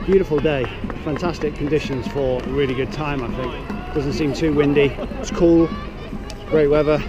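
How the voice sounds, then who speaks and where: A man's voice: a little high, fairly even intonation, moderate pace, dull audio, over a noisy crowd. A man in his thirties talking casually to a camera held at arm's length while out on city streets. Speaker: vlogger. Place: outdoors on busy city streets. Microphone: action camera at arm's length. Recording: noisy outdoor city street, traffic.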